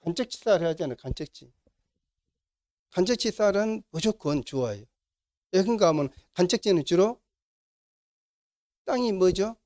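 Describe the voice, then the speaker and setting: A middle-aged man with a Jeolla Korean accent lectures to a class, his voice sitting a little high for a man. He keeps asking the room questions and then answering them himself, as an instructor walking students through the material. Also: animated, normal speed, long pauses, darkish tone.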